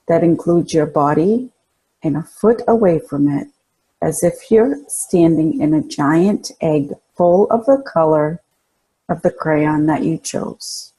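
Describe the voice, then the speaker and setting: Through poor audio, a woman with a low, husky, breathy voice narrates a guided relaxation session. Her tone is soft and mellow, her pace very leisurely, and she spaces out her soothing, calm instructions.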